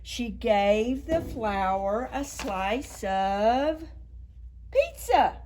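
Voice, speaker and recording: A children's librarian hosting storytime reads picture books aloud to preschoolers in a fairly high voice. She speaks slowly and deliberately, stretching and stressing key words in an expressive way.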